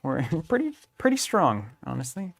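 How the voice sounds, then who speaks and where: A man's voice: fairly high pitch, wildly swooping pitch, moderate pace, creaky. A young man co-hosting a card game live stream, narrating each play like a playful sports commentator. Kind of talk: casual playthrough banter with mock commentary. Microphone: studio microphone.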